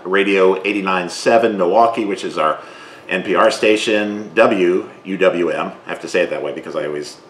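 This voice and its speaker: A man hosting an interview, asking long questions in a relaxed way with plenty of fillers. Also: low-pitched, normal speed. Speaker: host. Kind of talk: casual interview. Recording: echoey room with faint noise.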